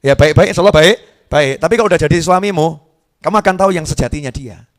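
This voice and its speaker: A middle-aged male preacher, speaking in a fairly high voice. He jokes and chats easily with the crowd, breaking off words and rushing ahead in bursts. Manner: lively, joking, conversational. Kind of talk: sermon to a live audience.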